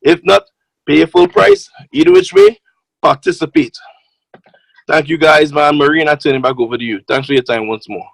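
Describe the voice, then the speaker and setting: A man giving an excited, exhorting motivational talk as a guest speaker on a conference call. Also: on the high side, normal speed, gravelly, no echo, poor audio.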